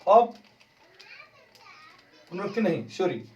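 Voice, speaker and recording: A man teaching a Hindi grammar lesson for exam preparation, explaining slowly and stretching out key terms. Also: sits high, very animated, warm tone, far from the mic, muffled recording, a little hiss or hum.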